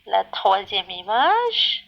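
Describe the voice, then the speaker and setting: A woman's voice: mid-range voice, very animated, drawn-out words, vocal fry, lo-fi sound. A woman teaching a primary school reading lesson, spelling out letters one by one and praising the children often in a patient, encouraging way.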